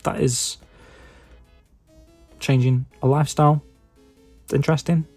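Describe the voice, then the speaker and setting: A man's voice: medium pitch, steady tone, a little slow, a little mellow, faint music behind. A man with a Stoke-on-Trent English accent chatting casually to his viewers, rambling in a hesitant, self-deprecating way with lots of filler phrases. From England. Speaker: YouTube video maker and podcaster.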